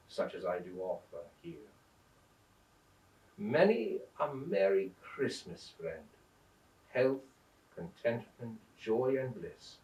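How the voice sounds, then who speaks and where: A man playing a jolly old Santa Claus, reading Christmas verse and tales aloud with a dramatic, deliberate, lilting delivery. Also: medium pitch. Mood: warm, measured, then tender, well-wishing. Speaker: storyteller at a museum storytime. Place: indoors in a museum house. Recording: roomy echo, distant microphone.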